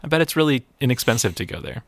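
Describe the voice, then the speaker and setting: A man's voice: mid-range voice, sing-song, racing, vocal fry, dry recording. A young man co-hosting a podcast in a casual, rambling chat, with frequent restarts and laughs. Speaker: podcast co-host.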